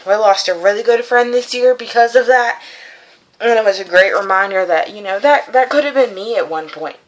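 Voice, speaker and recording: A woman's voice: mid-range voice, moderate pace, low-quality recording. A woman in her twenties giving an informal, heartfelt video message in an earnest, encouraging manner. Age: 20s. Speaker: vlogger sharing a personal message of support. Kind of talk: informal, heartfelt talk to camera.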